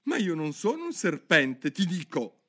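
A man's voice: fairly high pitch, wildly swooping pitch, normal speed, fairly bright tone, pitched above the performer's own voice, heavily acted. A man voicing an earnest, indignant young girl in a storybook. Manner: indignant, protesting.

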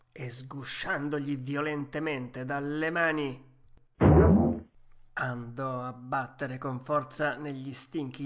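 Male storyteller, measured and slow, a touch high. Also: a bit bright. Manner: unhurried, measured. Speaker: narrator. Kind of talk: storybook reading.

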